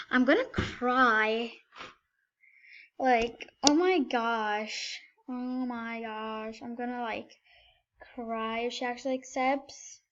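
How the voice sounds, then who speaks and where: A woman talking over her gameplay in a casual vlog, excitable and full of fillers. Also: sits high, highs cut off. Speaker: gaming vlogger.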